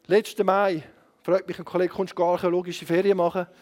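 Man, Swiss German accent, middle-aged, preacher, lively sermon, high voice. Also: a little fast, soft background music. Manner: animated, swings from muttered asides to shouting.

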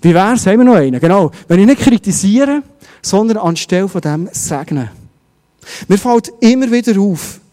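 A man's voice: high voice, lively intonation, normal speed, dark tone, in a large hall. A middle-aged man preaching a sermon as pastor in a Swiss German accent, posing one rhetorical question after another.

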